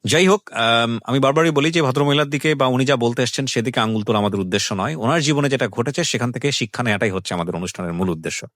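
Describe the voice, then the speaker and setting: Talking fast with hardly any pauses, a man hosts a radio interview from the studio, his mid-range voice a bit bright in clean sound without room noise. He has a Bangladeshi accent, blends English phrases into his Bengali, and repeats phrases emphatically while offering reflective social commentary in conversation.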